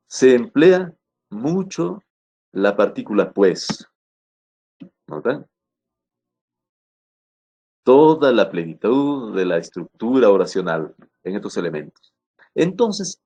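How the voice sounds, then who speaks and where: A man teaching a spelling lesson, pausing with fillers and often checking in with his students. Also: on the low side, darkish tone, husky. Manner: checks in with frequent "¿no?" and "¿ya?"; hesitant, repeats words with "eh" fillers. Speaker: language teacher.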